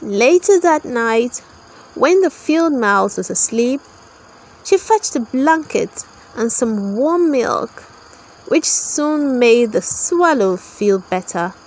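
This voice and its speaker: A female narrator with a high voice reads a scripted children's story at a slow pace, her intonation very lively for a toddler audience. The recording is rough.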